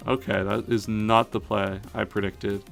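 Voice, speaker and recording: A man's voice: lowish voice, little pitch movement, measured pace, vocal fry, a bit bright, soft background music. A man giving thinking-aloud commentary on a competitive battle, analytical and often correcting himself mid-sentence. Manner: analytical, self-correcting, frequent "um" and "uh".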